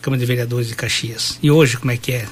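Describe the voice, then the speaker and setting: A man's voice: mid-range voice, steady tone, fast, slight background noise. A man, interviewing a guest in an easygoing way with short encouraging replies. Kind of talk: conversational interview.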